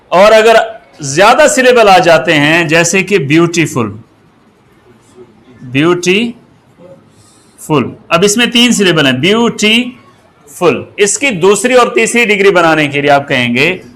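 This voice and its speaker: A man teaching English grammar, asking the class questions as he goes and spelling words out slowly. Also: fairly high pitch, fairly bright tone. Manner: slow and deliberate, asks the class rhetorical questions and spells words out. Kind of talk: grammar lesson.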